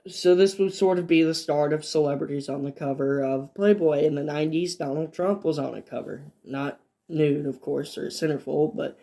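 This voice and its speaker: A man narrates a history video in a mellow, somewhat high voice. He reads his scripted lines, then drops into loose, casual asides full of fillers and restarts. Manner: fillers and restarts between points. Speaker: video essay host.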